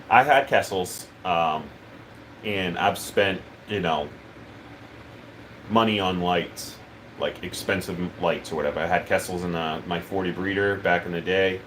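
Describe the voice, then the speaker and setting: A man's voice: deep voice, a little slow, pauses often, a little hiss or hum. A man hosting a live stream, talking casually and rambling with lots of ums as he reads chat. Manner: relaxed, rambling, many ums and uhs. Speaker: livestream host.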